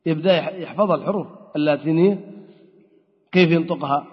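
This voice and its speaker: Husky man lecturing in an echoey hall. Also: a little high, fast talker. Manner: explanatory, asks and answers his own questions. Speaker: Arabic grammar teacher. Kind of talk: classroom lecture. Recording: dull, long-echo hall recording.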